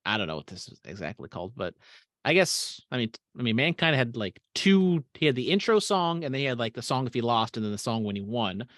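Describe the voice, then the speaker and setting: A man co-hosting a casual podcast, talking loosely and swearing freely. His voice sits at an ordinary pitch and often fades out at the ends of his remarks. The recording is close and dry, with no room sound. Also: sing-song, fast talker, fairly bright tone, dry recording. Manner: casual and profane, trailing off into mumbles. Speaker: podcast co-host. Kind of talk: casual chat.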